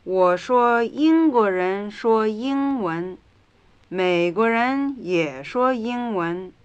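Slow, deliberate woman on an old lesson record. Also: medium pitch, animated, smooth. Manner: slow, deliberate reading of drill lines. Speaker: lesson dialogue partner. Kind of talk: scripted language lesson dialogue. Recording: dull lo-fi 1950s record.

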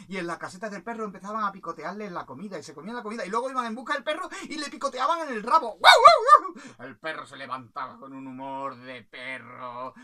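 Laughing along as he goes, a fairly high-voiced man with a Spanish accent brings a children's story to life, doing playful animal-sound imitations with animated energy.

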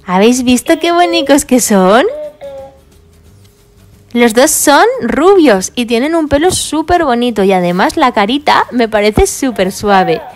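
Brief: bright, cheerful woman, hosting a kids' toy video, faint music underneath. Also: a little high, expressive, measured pace. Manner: cheerful, explaining to children. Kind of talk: toy play and review for children.

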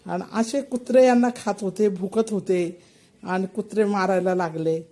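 A woman's voice: mid-range voice, fairly even intonation, normal speed, mellow. An older woman, talking casually to her pet cats at home and cooing to them in baby-talk. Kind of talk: casual home video narration.

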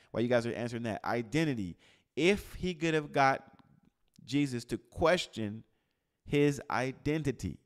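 Male preacher, mid-range voice, teaching a live group; calls on listeners by name, goes from loud to hushed. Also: medium pitch. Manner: quizzes the room, calls on people by name; animated, swings from loud to hushed. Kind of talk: interactive sermon. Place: church gathering with a live group.

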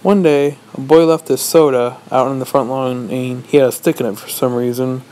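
A man's voice: mid-range voice, moderate pace, low-quality recording. Man rambling in mock-serious tones. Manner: rambling, deadpan, pretends to lecture. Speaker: vlogger. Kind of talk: mock-serious comedic monologue.

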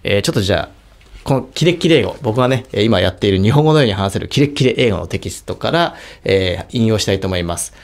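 A man's voice: fairly low pitch, expressive, quick pace. A man from Japan who teaches English on YouTube, reviewing a product in casual talk and sounding out consonants to demonstrate.

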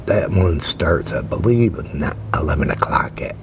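In this noisy outdoor clip, a traffic-like hum runs beneath an American ASMR performer roleplaying a librarian at a metal picnic table under a shelter. His whisper is soft, halting and rambling, extremely low in pitch, animated and creaky, and he keeps murmuring small affirmations.

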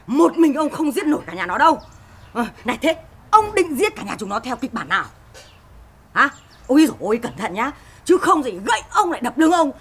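An actress playing a scheming village wife who wails and nags loudly in a slapstick comedy film. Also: female voice, high voice. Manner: loud lamenting cries, nagging.

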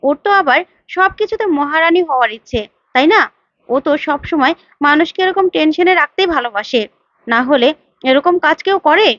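A woman's voice: high voice, animated, normal speed, fairly bright tone, dry recording, muffled recording. A woman reading the lines of a spiteful young woman making sarcastic digs. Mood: sneering. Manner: sarcastic, sneering.

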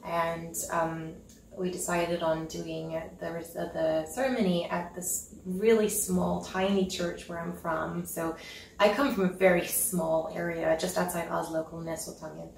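A Norwegian concert pianist, a woman, is the guest in a casual interview chat, chatty and giggly with lots of ums and restarts. Her low voice is gravelly and a little mellow, delivered flatly and unhurriedly. A far camera mic in her indoor living room with a piano makes the sound roomy and echoey, with slight background noise.

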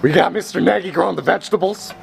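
Young man, mocking sketch host, high gravelly voice, roomy noisy kitchen sound. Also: quick pace, distant mic. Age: young adult. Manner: rambling, mocking, deadpan insults. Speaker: comedy cooking host. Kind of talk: absurd sketch comedy. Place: home kitchen indoors. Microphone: camera mic. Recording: roomy, noisy home video audio.

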